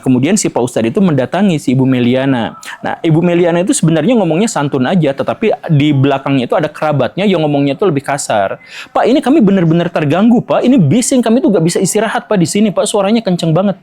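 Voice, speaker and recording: A man speaks in a slightly higher voice than most men. He talks casually and directly to his viewers and keeps asking rhetorical questions as he explains. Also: a little mellow. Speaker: host.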